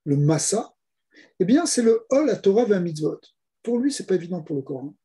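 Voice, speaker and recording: A man's voice: high voice, big pitch swings, moderate pace, mellow, husky. A man, a rabbi, giving a Torah lesson, explaining step by step with rhetorical questions and repeated key words. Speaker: rabbi teaching.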